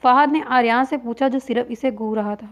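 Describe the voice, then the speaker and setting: Reading a novel aloud from a script, a high-voiced woman talks a little fast, keeping her delivery even and voicing all the characters herself. The sound is dull and lo-fi, like a basic home setup.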